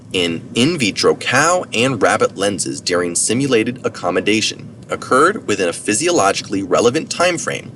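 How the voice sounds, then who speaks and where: A fairly low-pitched man with a fairly bright tone narrates a science article, an article reader adding informal citation asides and occasional self-corrections. It's recorded on a distant mic amid noticeable background noise.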